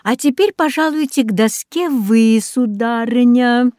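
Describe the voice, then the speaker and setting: A woman's voice: fairly high pitch, measured pace, mellow, dry recording, voice pushed up, close to an everyday voice. A woman voicing a stern, sarcastic male math teacher in an audiobook story, with dry, ironic formal address.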